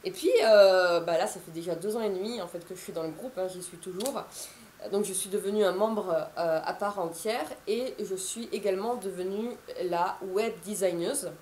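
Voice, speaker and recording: A woman's voice: medium pitch, moderate pace, darkish tone, echoey room, a little hiss or hum. A woman in her thirties, an author, chatting to camera in a casual, rambling way with many fillers and restarts. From France. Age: 30s.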